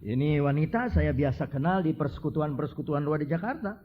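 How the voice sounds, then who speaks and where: A middle-aged man preaching a sermon, moving from hushed storytelling to fervent, repetitive emphasis. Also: a little high, fairly quick, highs cut off, slight background noise.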